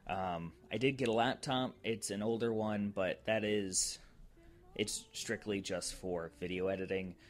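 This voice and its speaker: A man hosting his own podcast, giving a casual, rambling update with many ums and restarts. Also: deep voice. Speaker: podcast host.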